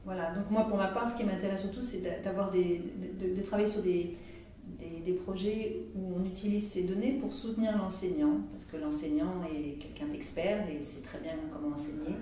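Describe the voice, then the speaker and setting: A woman's voice: on the low side, fairly even intonation, brisk, dark tone. Hesitant middle-aged woman, echoey room. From France. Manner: hesitant, many restarts and fillers. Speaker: researcher being interviewed. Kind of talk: interview answers. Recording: echoey room, distant mic, faint noise.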